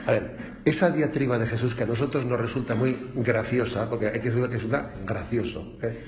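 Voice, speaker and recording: A man's voice: medium pitch, fairly even intonation, brisk, a crowd in the background. An older man with a Spanish accent from Spain, preaching a conversational homily full of anecdotes and tag questions. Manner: chatty, storytelling, frequent tag questions. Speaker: bishop preacher. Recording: roomy echo, faint background noise.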